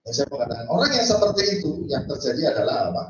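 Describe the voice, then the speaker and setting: A man preaching a sermon as pastor, animated, acting out quoted speech and mixing in English phrases. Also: medium pitch, racing. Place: church. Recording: echoey church hall from far off, dull sound.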